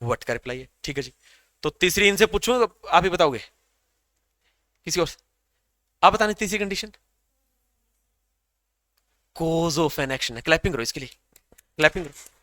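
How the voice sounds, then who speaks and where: Indian-sounding? no, just a male grammar teacher, high clear voice, quizzing the class over and over. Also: expressive, normal speed, long pauses, fairly bright tone, dry recording. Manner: call-and-response questioning, repeating questions to students. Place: classroom with students.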